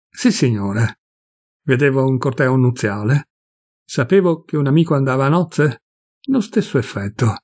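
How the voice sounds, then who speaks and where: A man's voice: medium pitch, darkish tone. A man voicing a fat, jovial man in his fifties who gossips and confides, pleased with himself, in a storybook reading.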